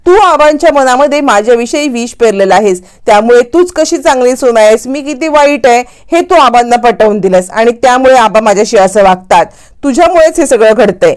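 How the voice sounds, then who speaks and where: A woman's voice: a little high, animated, brisk, lightly acted. A woman voicing a spoiled, scheming young daughter-in-law who makes demands. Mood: demanding. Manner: demanding and petulant.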